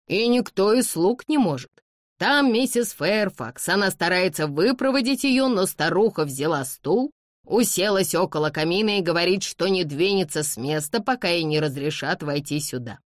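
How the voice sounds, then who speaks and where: A harried, servile footman frets and apologizes to his masters, as a woman reader puts him on. His delivery is lively, with a lot of rise and fall. The audiobook sound is dry and close. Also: fairly low pitch, normal speed, no echo, natural voice. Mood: fretful. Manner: apologetic, reporting nervously.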